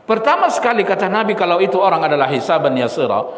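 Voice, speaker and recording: Male preacher, high and animated, repeats lines, quizzes the congregation; mosque hall with long reverb. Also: fast talker. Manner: repeats key lines, asks the listeners rhetorical questions. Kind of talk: mosque study sermon.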